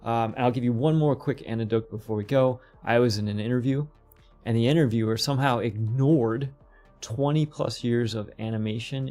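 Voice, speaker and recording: A man's voice: mid-range voice, a little mellow. A middle-aged man teaching game development in a casual, rambling way, often stopping and restarting his sentences. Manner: rambling, quick, self-interrupting. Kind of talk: casual screen-recorded tutorial.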